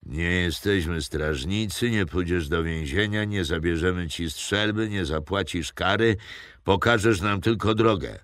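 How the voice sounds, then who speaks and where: A man's voice: deep voice, measured pace, fairly bright tone, dry recording, studio quality. A man reading an audiobook, voicing a young male officer who gives curt, commanding orders. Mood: stern. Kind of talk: audiobook character voice.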